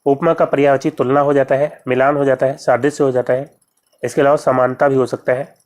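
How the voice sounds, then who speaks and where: A patient teacher talks through a set of practice questions, voice sitting at an ordinary middle pitch. Each question and its choices are read out, then the correct answer is explained step by step, with key terms repeated slowly. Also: little pitch movement, darkish tone. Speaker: exam-prep teacher. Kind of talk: exam-prep lesson.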